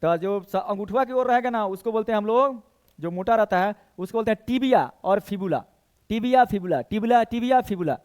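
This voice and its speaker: A man's voice: sits high, lively intonation, fairly quick, a little mellow, clean tone. A male coaching teacher with a Bhojpuri-tinged Hindi accent, lecturing for competitive exams and counting bones aloud while quizzing the class. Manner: counts bones aloud, asks and answers his own questions.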